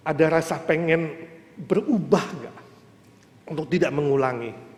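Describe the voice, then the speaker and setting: A man preaching a sermon as pastor, rousing and questioning the congregation, sometimes breaking into shouts. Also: on the high side, a little slow. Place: church hall. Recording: echoey church hall.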